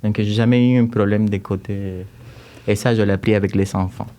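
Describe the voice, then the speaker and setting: A man's voice: fairly low pitch, fairly even intonation, fairly quick, dark tone. A man from Cuba with a Cuban Spanish accent, speaking French as a second language in a studio interview, thoughtful and often restarting his phrases. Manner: thoughtful, searching for words with frequent restarts. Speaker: guest composer and choir director. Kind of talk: casual interview conversation. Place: recording studio.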